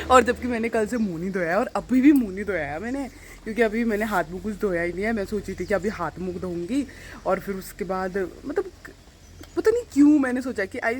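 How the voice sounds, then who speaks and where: A woman's voice: mid-range voice, a little hiss or hum. A woman, chatting in a rambling, casual way in a daily home vlog, often mixing in English phrases. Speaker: vlogger.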